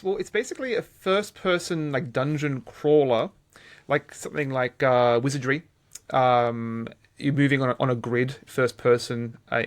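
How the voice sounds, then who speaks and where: A mid-range male voice co-hosts a video game podcast, talking casually and frequently repeating or correcting himself mid-sentence.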